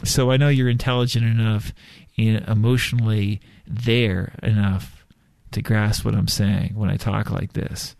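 A man's voice: on the low side, vocal fry, darkish tone, dry recording. A man talking casually and bluntly about spirituality, repeating himself as he goes. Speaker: spiritual talk host.

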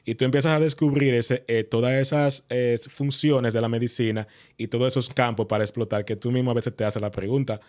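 A man with a Dominican accent and a mid-pitched voice takes part in a discussion. He talks conversationally and explains his points step by step with examples. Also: steady tone, a little fast, darkish tone. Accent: Dominican Spanish. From Dominican Republic.

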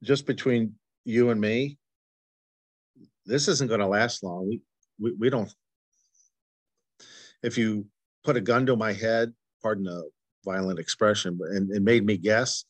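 A man hosting his podcast, speaking earnestly and haltingly, with frequent restarts and stutters. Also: lowish voice, husky, no room sound. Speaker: podcast host. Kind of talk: conversational interview.

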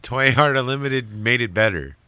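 Man, casual crude banter, middle pitch, dry mic. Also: lively intonation, sharp tone, clean tone, no echo. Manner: crude, quick interjections. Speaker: podcast co-host. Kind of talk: casual comedy podcast banter.

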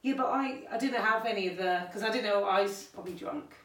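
A woman's voice: mid-range voice, quick pace, distant mic. A woman chatting casually with friends and acting out what other people said. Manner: animated, acts out what others said. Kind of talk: casual chat among friends. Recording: roomy, from the mic.

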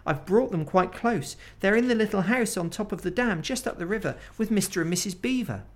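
A man's voice: medium pitch, lively intonation, normal speed, pushed and bright. A man voicing a young boy who trembles and stammers as he pleads, in a storybook reading. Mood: pleading. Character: young boy, frightened and eager.

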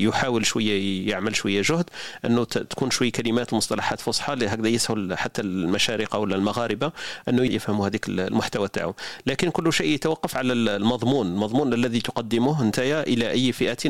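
A man's voice: fairly low pitch, gravelly, dry recording. A man with an Algerian accent hosting a live audio room on a phone app, explaining and giving advice at length. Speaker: podcast host.

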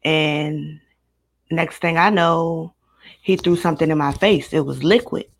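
A woman in her twenties from Maryland, a guest recounting a personal story in a casual interview, steady and matter-of-fact. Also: sits low, measured pace. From Maryland, United States. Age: 20s.

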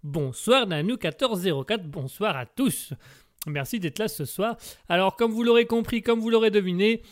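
A man's voice: sits high, moderate pace, dry recording, clean studio sound. Playful male livestream host. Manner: playful, chatty, jokes along. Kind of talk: casual livestream chat.

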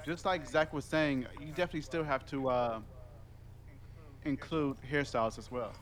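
A man's voice: a little high, fairly even intonation, normal speed. A man in casual group banter, using informal slang and swearing.

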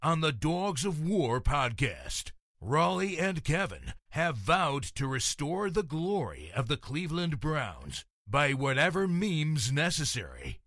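A man reading a mock movie-trailer promo in a dramatic, drawn-out voice-over style. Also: fairly high pitch, big pitch swings, fairly bright tone, no echo, studio quality. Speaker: trailer narrator.

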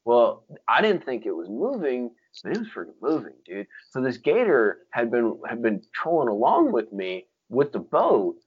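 A man's voice: mid-range voice, wildly swooping pitch, normal speed, hardly any pauses, husky. A man telling stories in casual chat, with slangy talk full of dude, like and freaking. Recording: dull lo-fi sound.

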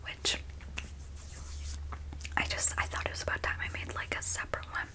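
A woman doing a whispered ASMR role-play with personal attention, breathy and intimate, with tingly mouth sounds between casual, soft remarks to the viewer. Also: moderate pace. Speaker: ASMR video creator.

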